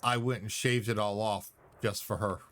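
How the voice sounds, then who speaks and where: A man's voice: lowish voice, steady tone, normal speed, fairly bright tone. A man streaming a space game, chatting casually and talking back to the game. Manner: rambling, talks back to the game. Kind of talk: casual chat while playing.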